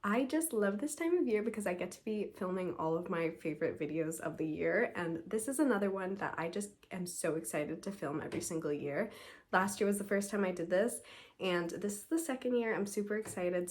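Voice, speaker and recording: A woman's voice: medium pitch, brisk, darkish tone. Congested young woman YouTuber, stuffy-nosed and sore-throated, gushy and chatty, lots of "like.". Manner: gushing, enthusiastic, says "like" often. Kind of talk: casual vlog chat. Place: at home.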